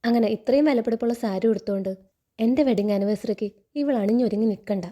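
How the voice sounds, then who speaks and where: Woman reading snooty jealous wife, scornful, mellow tone. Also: fairly high pitch, fast talker, close to an everyday voice.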